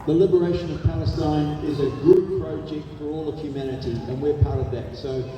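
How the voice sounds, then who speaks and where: A man's voice: a little high, steady tone, fairly quick, noisy background. A man, the organiser and MC of a rally, making friendly announcements with many fillers. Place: outdoor street rally. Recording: distant echoey outdoor recording with crowd.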